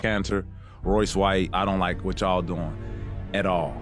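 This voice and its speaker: A man's voice: low-pitched, fairly even intonation, unhurried. A male host firmly lecturing with emphatic opinion commentary. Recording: music playing under voice.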